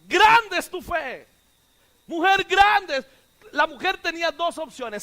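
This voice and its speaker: A male pastor preaching a sermon, who swings from shouts to hushed quotes and has the congregation repeat his words. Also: very high-pitched.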